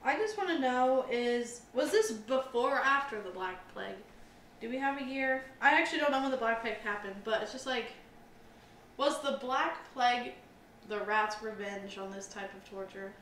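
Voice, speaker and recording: Young woman podcast co-host, rambling and self-deprecating, bright tone, echoey room, faint hiss. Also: on the high side, lively intonation, normal speed. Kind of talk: casual chat. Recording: roomy, slightly distant mic with faint hiss.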